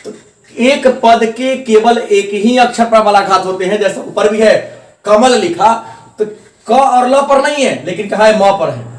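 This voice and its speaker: High-voiced male teacher in an echoey room. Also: unhurried. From India. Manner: repetitive, explaining step by step, stressing syllables. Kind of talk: classroom grammar lesson.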